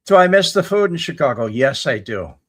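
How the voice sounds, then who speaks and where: A man's voice: fairly high pitch, big pitch swings, fairly quick, husky. A man in his seventies hosting a casual live chat, reading viewer comments aloud and answering them in a rambling, folksy way. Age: 70s. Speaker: livestream host answering chat.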